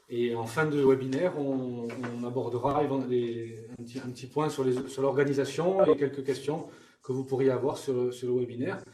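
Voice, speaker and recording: A man's mellow, dark voice comes from a distance in an echoey room with faint noise. He introduces a webinar informally, halting and repeating words as he looks for the next phrase. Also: mid-range voice. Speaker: webinar host giving introduction. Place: training room with attendees.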